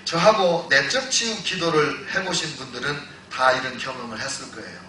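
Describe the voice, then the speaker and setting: A male pastor preaching a sermon, telling stories that move between loud exclamations and hushed retelling. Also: medium pitch, normal speed, slight background noise. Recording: echoey church hall, voice from a distance.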